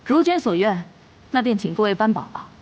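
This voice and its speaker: An actress playing the sharp, self-assured female head of an information network, briefing others. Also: medium pitch, very animated, a little fast, highs cut off, slight background noise, natural voice. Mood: confident. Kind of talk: period drama acting.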